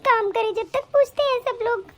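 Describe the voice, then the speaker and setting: A woman plays a pregnant young daughter-in-law in an animated story, neglected by her family. She speaks in a plaintive, pleading way, and her voice is very high and thin. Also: normal speed.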